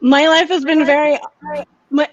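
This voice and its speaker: A woman's voice: high-pitched, flat delivery, moderate pace. Woman on a video call with feedback echo. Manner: chatty, apologetic, with fillers. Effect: video-call audio with feedback echo of her own voice. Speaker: author guest. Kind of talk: interview over a video call. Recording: muffled lo-fi call audio.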